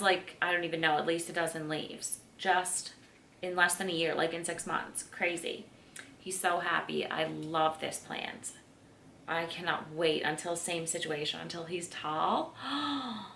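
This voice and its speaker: A woman's voice: fairly low pitch, gravelly, fairly bright tone. Chatty woman gushing from across a room. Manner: chatty and gushing, with many fillers. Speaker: plant vlogger. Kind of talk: casual home tour chat. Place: room in her home, indoors. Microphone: camera mic across the room. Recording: roomy and distant with faint ambient noise.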